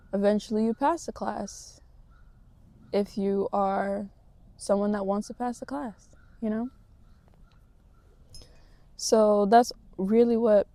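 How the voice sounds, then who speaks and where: A woman's voice: medium pitch, mellow, no echo. A woman talking to camera in a casual vlog, reflective and motivational, rambling a little with fillers. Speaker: vlogger.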